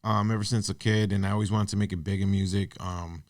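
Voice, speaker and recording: A man's voice: deep voice, fairly even intonation, quick pace, no room sound, studio quality. A man in his thirties, a guest on a podcast, talking in a casual, earnest and reflective way with loose restarts. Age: 30s. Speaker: podcast guest, artist and business owner. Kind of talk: casual interview chat.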